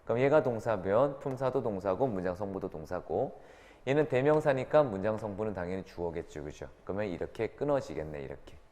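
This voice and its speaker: In a reverberant lecture room, a man with a fairly low, darkish voice teaches students English grammar, speaking fairly quickly and expressively. He keeps checking in with brief tag questions.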